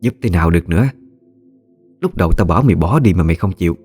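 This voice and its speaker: A man's voice: deep voice, animated, fast talker, darkish tone, breathy edge, soft background music. A man voicing a cruel, scheming middle-aged aunt who speaks harshly and snarls her words. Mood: scolding.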